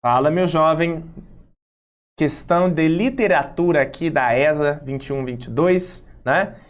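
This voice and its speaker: A woman's voice: sits low, measured pace. A woman teaching exam prep in a breezy, chummy way, calling her students young ones as she explains questions. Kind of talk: casual classroom explanation.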